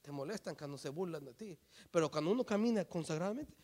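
Male preacher, fairly high voice, fervent sermon that swings from loud to hushed, some English mixed in. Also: expressive, fast. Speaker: pastor.

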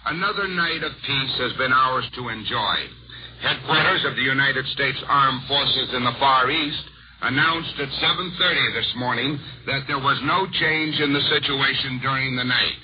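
A man's voice: medium pitch, moderate pace. A man reading a scripted war news report in the formal manner of an old-time radio announcer. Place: radio broadcast from overseas. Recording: noisy, muffled 1940s shortwave radio broadcast.

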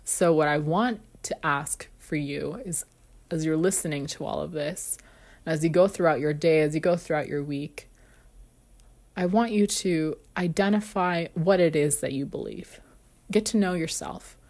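Earnest woman host, slightly low voice. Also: measured pace, a little mellow. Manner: earnest, personal storytelling with frequent light laughs. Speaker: podcast host. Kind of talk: motivational self-help podcast talk.

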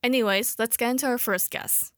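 A young adult woman hosting a podcast, reading a scripted introduction in an even manner with a wry aside. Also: a little high, brisk, dry recording, clean studio sound. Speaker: podcast host.

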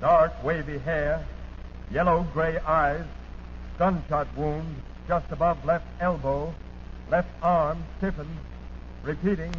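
On an old broadcast recording, an American man in the role of a 1940s radio announcer reads a police bulletin in measured, staccato phrases, going back over the details. He has a fairly high voice, and the audio carries a little hiss or hum with the high frequencies rolled off.

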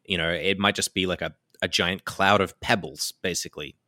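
A man chatting casually on a podcast, explaining things with lots of fillers like "like" and "um," often laughing and picking up energy when excited. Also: deep voice, a little fast, dry recording, clean studio sound. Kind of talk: casual chat.

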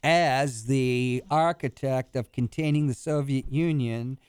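Blunt man, smooth clear voice. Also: medium pitch, takes it slowly, no room sound. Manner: blunt, dismissive. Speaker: talk show panelist. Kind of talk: casual opinionated political chat.

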